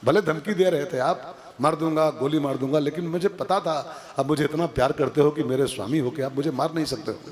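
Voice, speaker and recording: A man's voice: a little high, a little fast, natural voice. A man voicing a stubborn young wife who nags and insists again and again, within a devotional storytelling sermon. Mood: earnest. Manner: nagging, insistent repeats.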